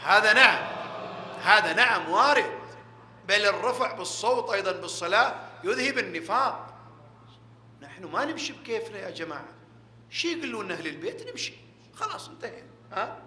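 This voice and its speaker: A man preaching a colloquial Ramadan night sermon, asking rhetorical questions and swinging between loud and hushed delivery, in a large prayer hall. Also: high voice, animated, brisk, pauses often, slight background noise. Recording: echoey hall with long reverb.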